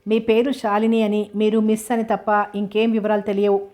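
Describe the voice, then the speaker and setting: A teasing young bachelor with a bantering manner, read by a woman. The voice stays flat and level in pitch, at a middle height. It is a storybook reading of a light, joking exchange. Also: moderate pace, close to an everyday voice. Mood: friendly. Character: teasing young man Sarma, playful bachelor.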